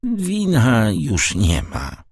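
A frail old father, as a male narrator puts him on, his voice thin, high and trembling. He speaks very slowly and gently, with a husky catch in the throat. The recording is close and dry. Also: huge pitch swings, dry recording, heavily acted. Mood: weak, gentle. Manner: quavering and slow, breaking into high tones. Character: frail, tender old father, aging man.

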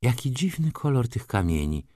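A man's voice: mid-range voice, big pitch swings, moderate pace, warm tone, no room sound, studio quality, lightly acted. A man voicing a young aristocratic lady who speaks in a commanding, lightly condescending way. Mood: poised.

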